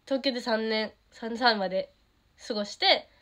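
Streaming live to her fans, this bubbly Japanese teen idol speaks with a Kansai accent in a fairly high voice. She reads fan comments aloud, giggles readily and is easily delighted, keeping a relaxed, friendly chat going.

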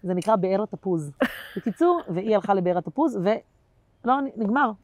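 A woman comedian telling stories as an interview guest. Her delivery is animated and swings between loud bursts and quiet asides, with slangy fillers throughout. Her voice sits at an ordinary mid pitch, and the recording is dry and close. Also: no echo. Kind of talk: casual interview chat.

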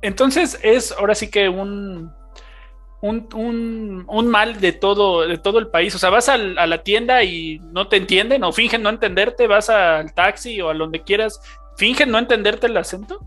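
A podcast host with a Mexican Spanish accent who asks questions in a relaxed way, often adding "right?" and restarting phrases. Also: medium pitch, a little slow, soft background music. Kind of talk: casual podcast interview.

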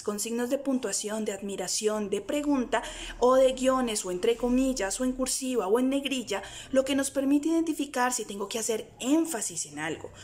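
A woman's voice: on the high side, a little mellow. A young woman, a literature teacher, giving earnest reading-aloud tips straight to her viewers. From Colombia. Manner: earnest, encouraging, addresses viewers directly. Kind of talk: direct-to-camera instructional talk.

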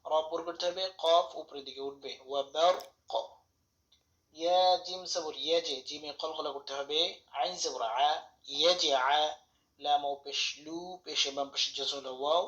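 A man giving a tajweed lesson, spelling out letters and vowel marks step by step, reciting verses slowly and correcting wrong pronunciations. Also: a little high, fairly even intonation, sharp tone, echoey room. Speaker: Quran recitation teacher. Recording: dull lo-fi recording.

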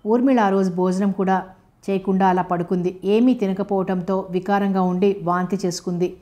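A woman reading a novel aloud as an audiobook narrator, with steady, even storytelling. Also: medium pitch.

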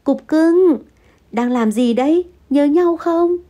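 A woman's voice: high-pitched, takes it slowly, warm tone, voice pushed up. Woman putting on a cooing rich mistress. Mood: cooing flirt. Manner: cooing, sugary, calls him "darling".

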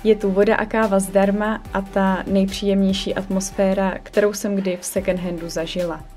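An upbeat young woman narrates a vlog in a chatty, enthusiastic way. Her voice is warm and mellow, with faint music playing underneath. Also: medium pitch, level tone. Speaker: vlogger and online secondhand shop owner. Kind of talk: scripted vlog voice-over. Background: faint background music.

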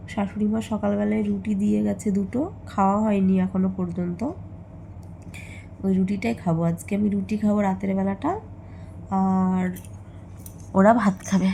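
A young woman with a Bengali accent chatting casually in a home vlog, worn out and coughing, her voice going hoarse. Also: medium pitch, warm tone, echoey room, a little hiss or hum. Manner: chatty, rambling, tired. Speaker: vlogger. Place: at home, indoors.

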